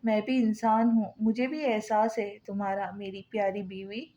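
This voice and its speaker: Cruel taunting husband, read by a woman, sneering, falsely tender, soft mellow tone, muffled recording. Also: medium pitch, flat delivery, normal speed, lightly acted. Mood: mocking. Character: cruel taunting young husband, smug and mocking.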